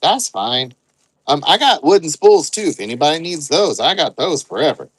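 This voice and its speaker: A man's voice: fairly high pitch, big pitch swings, normal speed, a bit bright, husky, no echo, low-quality recording. A man hosting an online live sale, rambling and joking as he counts out items aloud. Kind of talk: casual live-selling chatter.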